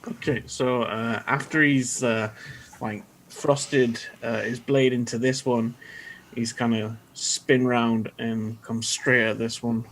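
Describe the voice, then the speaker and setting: A man playing in a tabletop game, describing his character's attack in a halting way. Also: mid-range voice, flat delivery, fairly bright tone, low-quality recording. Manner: halting, searches for words. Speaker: player.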